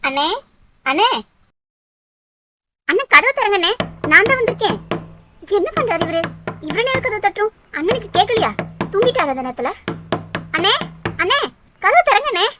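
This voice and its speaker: A woman's voice: very high voice, sing-song, fairly quick, long pauses, noisy background. A woman playing a wailing village sister. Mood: frantic. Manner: pleading, wailing, panicky. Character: frantic grieving village woman, dead man's sister.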